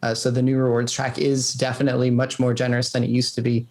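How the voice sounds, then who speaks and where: A man answers interview questions as a game developer in a mid-range, monotone, slightly mellow voice, speaking fast. He's casual and rambling, peppering his answers with "like".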